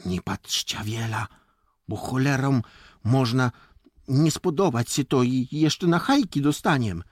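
A man narrating an audiobook voices a cautious young peasant lad giving a hushed warning in dialect. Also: medium pitch, takes it slowly, no room sound, studio quality, pitched above the performer's own voice.

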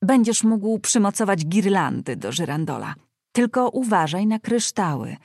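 A woman reading aloud, voicing a fussy, scolding older aunt who talks in an excitable, bossy way. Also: medium pitch, normal speed, no echo, studio quality. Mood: excited scolding.

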